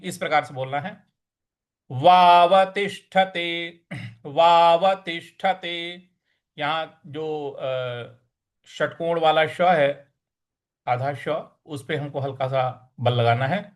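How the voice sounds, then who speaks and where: A man teaching how to pronounce and recite a Sanskrit verse, saying each word slowly and repeating it, chanting whole lines, then explaining quickly. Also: fairly high pitch. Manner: occasionally clears throat. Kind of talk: slow syllable-by-syllable recitation lesson.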